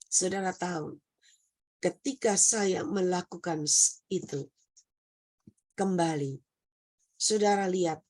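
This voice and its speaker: A hoarse woman preacher with a nasal voice, giving an impassioned, repetitive sermon over a video call. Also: lowish voice, slow, long pauses. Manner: impassioned, repetitive, rising to near-shouting.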